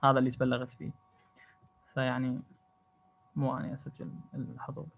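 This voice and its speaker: A man with an Iraqi Arabic accent, teaching an online English lecture and switching between Arabic and English, with slow, careful English. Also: medium pitch, monotone, creaky, loud music behind the voice. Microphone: video call.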